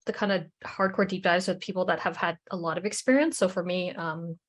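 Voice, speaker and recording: A woman's voice: lowish voice, steady tone, fairly quick. A woman co-hosting a podcast, chatting casually and eagerly, with many fillers and "like"s. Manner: enthusiastic, filler-heavy with "like". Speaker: podcast co-host. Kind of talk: casual chat.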